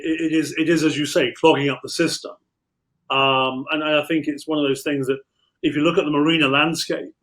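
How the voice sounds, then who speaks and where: A man with a fairly high-pitched voice acts as interviewer. He talks conversationally and muses aloud, rewording his points as he goes. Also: a bit bright, poor audio.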